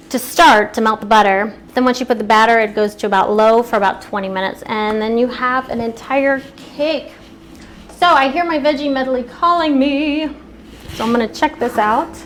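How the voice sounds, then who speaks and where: A bright, upbeat woman walks viewers through a live cooking demo in a friendly, chatty way, drifting slightly off the mic as she moves around the stove. Her voice sits a little high, with a faint hiss of background noise under it. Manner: chatty, upbeat, eating while talking. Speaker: cooking demonstrator.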